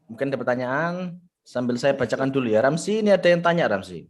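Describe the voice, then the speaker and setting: A man's voice: medium pitch, lively intonation, fast. A man moderating a question-and-answer session over a video call, politely reading out questions. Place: online meeting.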